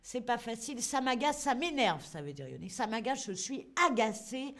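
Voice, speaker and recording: A woman's voice: fairly high pitch, moderate pace. A woman teaching expressions in a live online lesson, playful and quizzing the viewers. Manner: lively, playful, asks learners questions and answers chat. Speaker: French teacher.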